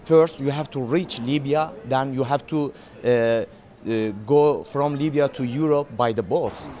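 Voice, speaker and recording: Turkish-accented man, hesitant and halting. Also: medium pitch, warm tone. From Turkey. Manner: hesitant non-native English, many fillers and restarts. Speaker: documentary filmmaker. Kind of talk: festival interview.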